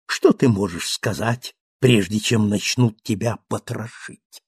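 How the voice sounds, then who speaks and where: A greedy, vicious innkeeper villain, as a male narrator puts him on, pitched well above the reader's own voice and gravelly at the edges. He gloats and rants with wide, lively swings of pitch. The storybook recording is dry and close. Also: a little slow, no room sound, heavily acted. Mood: menacing. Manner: gloating, snarling, ranting. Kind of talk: audiobook character reading.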